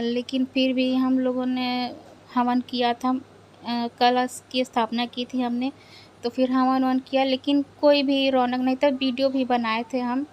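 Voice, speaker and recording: A young woman vlogger, quietly and sadly recounting a family loss with hesitant pauses. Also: high-pitched, slight background noise. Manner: sad, subdued, hesitant retelling of a family loss. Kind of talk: personal vlog storytelling.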